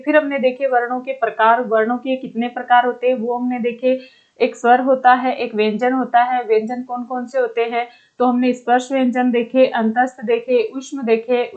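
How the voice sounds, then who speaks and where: A woman's voice: high voice, a little mellow. A young woman teaching a grammar lesson online, explaining patiently and asking the class questions she then answers herself. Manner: explains patiently, repeats and asks questions back to students. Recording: dull lo-fi recording.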